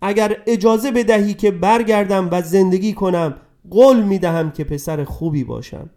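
A man's voice: high-pitched, dark tone, pitched above the performer's own voice. A man voicing a terrified young boy who cries out in desperate pleas, in a dramatized spoken story. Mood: desperate pleading.

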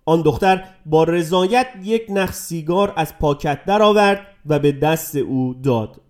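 A male storyteller reading a story aloud in a measured, dramatic way. His voice sits high for a man. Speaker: narrator. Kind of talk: storybook narration.

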